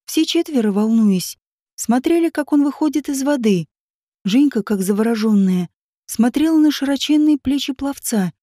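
Woman narrating an audiobook, dark tone. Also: sits high, animated, moderate pace, no room sound, clean studio sound.

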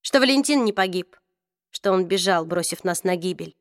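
A woman's voice: on the low side, lively intonation, normal speed, no room sound, studio quality. A woman reading an audiobook, voicing a bitter, proud middle-aged woman who accuses and argues intensely. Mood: weary, bitter.

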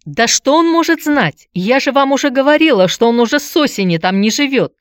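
A woman voicing a fussy, protective middle-aged aunt who talks in a shrill, quarrelsome way in an audiobook. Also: big pitch swings, moderate pace, no echo, studio quality, lightly acted. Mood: shrill angry. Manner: shrill, shouting and rattling words off.

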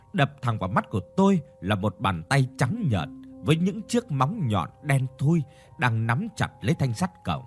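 A man narrates a spooky tale with a very lively, swooping pitch, drawing out the tense moments. Faint music plays softly behind him. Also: breathy edge. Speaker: storyteller. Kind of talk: scripted ghost story narration.

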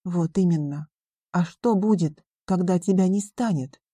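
A woman's voice: lowish voice, measured pace, mellow, slightly rough, no echo, studio quality. Woman reading a loyal friend pleading with his king. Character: loyal male friend and counselor, earnest, pleading.

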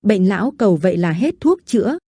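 Mellow-voiced woman reading a story. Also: mid-range voice, sing-song, fairly quick, breathy edge, no room sound, clean studio sound. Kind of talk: scripted story narration.

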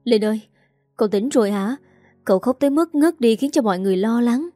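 Brief: woman as a weeping girlfriend, hurried and higher, warm tone. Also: expressive, dry recording, soft background music, close to an everyday voice. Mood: tearful. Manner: crying while talking, quick. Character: young woman friend, sobbing and consoling.

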